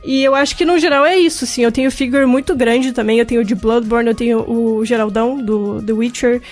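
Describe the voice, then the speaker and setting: A woman chatting casually on a podcast, relaxed and self-deprecating. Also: a little high, a little fast, faint music behind. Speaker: podcast guest. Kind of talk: casual chat.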